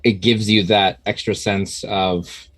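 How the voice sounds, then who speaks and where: A man narrating a tabletop game as game master in a casual, halting, conversational way. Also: fairly low pitch, level tone, a bit bright.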